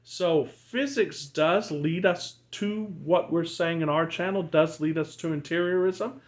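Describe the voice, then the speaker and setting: A man teaching breathwork and spirituality as a channel host, speaking in a slow, deliberate guru manner with pauses between short phrases. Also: a little high. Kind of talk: guided breathwork and spiritual talk.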